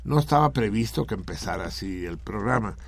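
Mexican male radio host, deep and gravelly, theatrical ironic banter. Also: animated, fairly quick. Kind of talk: joking comedic radio banter.

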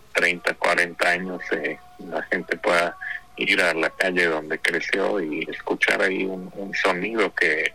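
Male radio guest, Mexican accent, very low pitch with a forceful bright edge, informal explanatory delivery. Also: vocal fry, husky, low-quality recording. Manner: informal, explanatory, frequent tag questions. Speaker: radio guest representing a sound map project. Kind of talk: conversational interview explanation.

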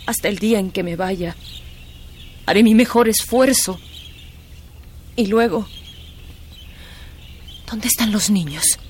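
An actress in a radio drama playing a weary young governess who speaks in a firm, controlled way. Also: female voice, medium pitch, takes it slowly, long pauses, darkish tone, a little hiss or hum, natural voice. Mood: firm resolved. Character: young female governess, weary, resolute, commanding.

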